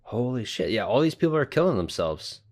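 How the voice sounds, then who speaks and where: A man's voice: mid-range voice, big pitch swings, brisk, background noise. A young man giving informal, sweary, blurted commentary as he watches an anime. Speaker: reaction video host.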